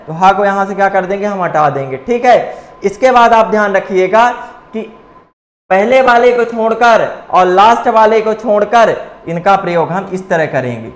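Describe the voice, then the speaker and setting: A man's voice: high-pitched, expressive, moderate pace, roomy sound. A man teaching a class, drilling students by asking questions and answering them himself. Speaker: coaching teacher. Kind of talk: classroom lecture.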